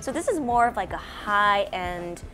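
A woman's voice: mid-range voice, lively intonation, a little slow, pushed and bright, soft background music. A young woman hosting a food vlog, bubbly and enthusiastic, laughing often while tasting dishes. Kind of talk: casual food vlog chat. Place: small casual eatery, indoors. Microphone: lapel mic.

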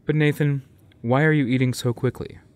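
An actor playing a deadpan, dry narrator voice with no body in a comedy radio play. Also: male voice, mid-range voice, moderate pace, lightly acted.

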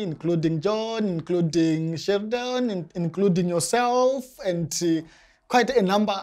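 A young man from Zimbabwe with a Zimbabwean accent, answering interview questions carefully with pauses and restarts, on a lapel mic in a small studio. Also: sits high, a little mellow. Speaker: interview guest, church member. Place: small indoor studio set.

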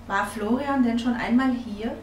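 A soft, careful, reassuring mother, played by a woman reading aloud. She coaxes gently and never pushes. The voice comes from a little way off in an echoey room. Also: a little high, measured pace, recorded from a distance, natural voice. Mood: coaxing.

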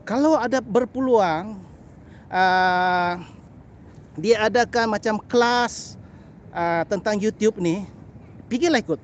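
A middle-aged Sabahan Malay man with a high voice vlogs about birding while outdoors on a grassy path beside a canal. He chats casually to the camera in a halting way, repeating phrases and often tagging on "ah" and "lah," with outdoor noise in the background.

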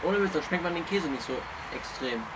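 A man's voice: fairly high pitch, expressive, brisk. A young man chatting casually as host of a food challenge vlog outdoors. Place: outdoor garden table under a wooden gazebo. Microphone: camera mic across the table. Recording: distant mic, noisy outdoor ambience.

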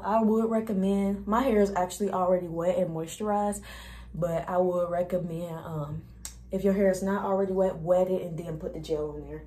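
Young woman beauty vlogger, warm mellow voice, chatty and informal, walks viewers step by step. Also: mid-range voice. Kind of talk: casual hair tutorial.

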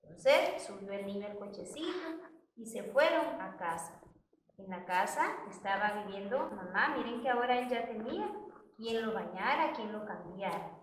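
Animated woman telling a children's story. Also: on the high side, a little hiss or hum. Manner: animated, asks the children questions. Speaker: preschool teacher. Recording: echoey room, distant mic.

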